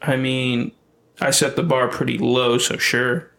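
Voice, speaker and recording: A man's voice: medium pitch, little pitch movement, measured pace, gravelly, fairly bright tone. A man co-hosting a podcast in casual chat, blunt and profane with dismissive opinions. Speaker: podcast co-host.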